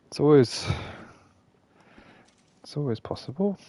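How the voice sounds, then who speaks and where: Gravelly-voiced male game streamer. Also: a little high, lively intonation, a little slow, mellow, no room sound. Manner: rambling, self-correcting, swears casually. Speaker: gaming streamer. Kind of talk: casual gameplay commentary.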